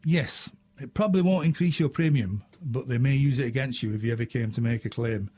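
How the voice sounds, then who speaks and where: A man's voice: medium pitch, a little fast, dark tone, husky. A man with a Northern English accent hosting a radio show, chatting casually and answering listener questions with plenty of ums and uhs. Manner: chatty, self-mocking, frequent ums and uhs.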